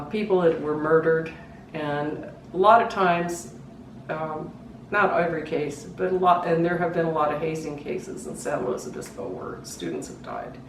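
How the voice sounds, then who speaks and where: Middle-aged woman, grieving mother, earnest and halting, lowish voice, distant mic, echoey living room. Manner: earnest, halting, voice rising and breaking when distressed. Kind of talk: emotional personal testimony. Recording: roomy, distant mic, faint background hiss.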